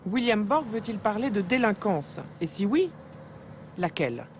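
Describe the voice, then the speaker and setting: A woman reading scripted documentary news narration in a measured, even way. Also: medium pitch, a little hiss or hum. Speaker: reporter narrator. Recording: voice-over with loud guitar music.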